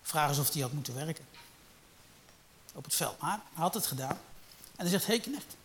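Animated high-voiced preacher. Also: male voice, normal speed, slight background noise. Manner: animated, rising to loud emphatic peaks then dropping low and quiet. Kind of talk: sermon.

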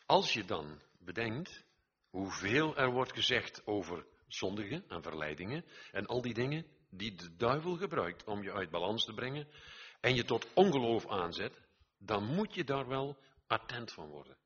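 A man's voice: on the low side, very animated, unhurried, fairly bright tone, slightly rough, dull audio. An older man preaching an earnest sermon, exhorting his listeners, repeating phrases and swelling to emphatic peaks.

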